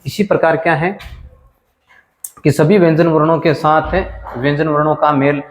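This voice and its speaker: A male teacher gives a patient lesson, stopping to ask questions and answer them himself. His voice sits a little high for a man. The room rings with a long echo. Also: fairly even intonation, slight background noise. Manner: patient, asks and answers his own questions, repeats sounds slowly. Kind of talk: classroom lesson explaining Sanskrit letters. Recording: echoey room with long reverb.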